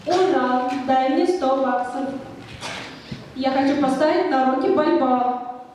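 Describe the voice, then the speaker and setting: Woman playing an eager high-voiced gambler. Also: takes it slowly, a little mellow. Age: young adult. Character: eager young woman keen to bet. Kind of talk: student stage comedy acting. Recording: distant echoey hall, noisy.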